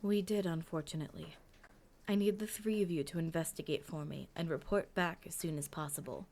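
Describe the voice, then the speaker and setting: A woman voicing a calm male hunter leader. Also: low voice. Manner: calm, measured, commanding.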